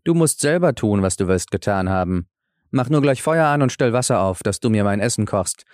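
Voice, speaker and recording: Man doing stern beggar man, gruff, commanding, dark, storybook voice. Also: on the low side, lively intonation, fairly quick, no echo, studio quality, natural voice.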